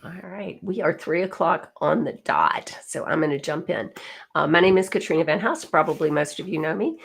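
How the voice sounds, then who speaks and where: A woman's voice: sits low, expressive, moderate pace, creaky, husky. A middle-aged woman with a light Southern US accent hosting a webinar while she has a cold, chatty and full of ums. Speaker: webinar host.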